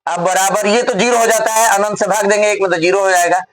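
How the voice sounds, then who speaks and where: A male physics teacher with a high-pitched, steady voice works through a problem on the board step by step at a quick pace, often checking that students follow. The rough recording captures a noisy crowd.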